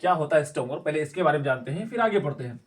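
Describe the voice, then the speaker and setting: A man's voice: fairly high pitch, expressive, very fast, distant mic. A man teaching English vocabulary, repeating each word aloud several times and quizzing the class. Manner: drills words aloud in repetition, asks the class questions. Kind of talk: spoken English lesson.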